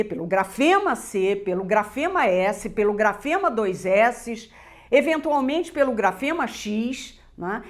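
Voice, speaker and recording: Emphatic Brazilian woman teaching. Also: on the high side. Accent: Brazilian Portuguese. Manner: measured, emphatic, lists points with repeated "né?". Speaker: literacy teacher presenting a textbook. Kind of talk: explanatory teaching talk.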